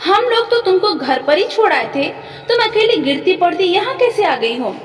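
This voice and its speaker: A woman's voice: high-pitched, expressive, normal speed. A woman voicing a frightened young boy in a storybook reading, heard from a distance in an echoey hall. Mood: bewildered. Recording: echoey hall from far off, faint music.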